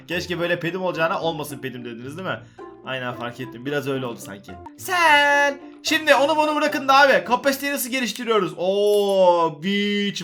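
Male gaming host, high and quick, excitable and joking, faint background music. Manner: excitable, joking, talks to viewers. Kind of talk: casual gameplay commentary.

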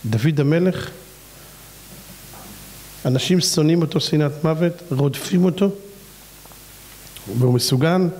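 A rabbi delivers a fiery sermon in a high, bright tenor. He hammers his listeners with rhetorical questions, his voice leaping up and dropping low as he presses each point. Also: slight background noise. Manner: fires off rhetorical questions with big pitch swings.

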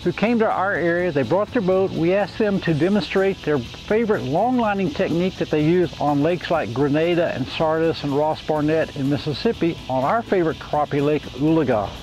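An older man from Oklahoma delivers a steady, folksy fishing report while standing outdoors on a lake shore. His voice sits a little high. Soft music plays behind him. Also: normal speed, few pauses, rough recording.

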